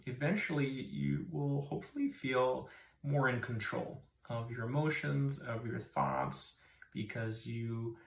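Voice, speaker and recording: Male presenter, 30s, calm grounding-exercise instructor, vocal fry, roomy small-room sound from a distant mic. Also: mid-range voice. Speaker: mental health therapist presenting. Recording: roomy, slightly distant mic, creaky-voiced.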